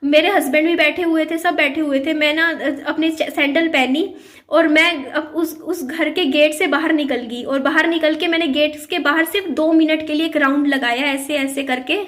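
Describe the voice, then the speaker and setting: A woman's voice: sits high, fairly even intonation, normal speed, a bit bright. A young woman vlogger earnestly recounting personal events to her viewers, with many fillers and repeated phrases. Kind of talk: personal storytelling to camera.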